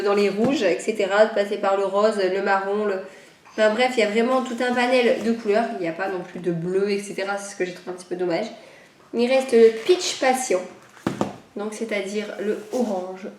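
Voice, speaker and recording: A woman's voice: mid-range voice, darkish tone, roomy sound, a little hiss or hum. A woman chatting casually in a vlog, a little nasal after a cold, rambling and hesitant with many fillers. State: recovering from a cold. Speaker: vlogger. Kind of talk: casual chat.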